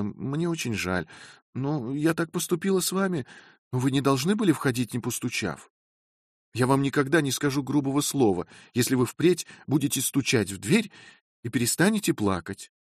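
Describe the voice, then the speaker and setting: A man's voice: medium pitch, no echo, studio quality, pitched above the performer's own voice. A man voicing a fiery, imperious young wife. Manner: sharp, imperious scolding.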